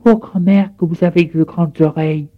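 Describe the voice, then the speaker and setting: A man's voice: a little high, fairly even intonation, normal speed, phone-quality sound, pitched above the performer's own voice, natural voice. A man voicing a sweet little girl. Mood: wondering. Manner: sweet, questioning.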